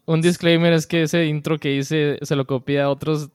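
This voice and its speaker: A man's voice: fairly high pitch, level tone, moderate pace, a crowd in the background. A man co-hosting a podcast, joking around and asking follow-up questions. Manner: joking and laughing, asks follow-ups. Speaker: podcast co-host. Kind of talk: casual podcast banter.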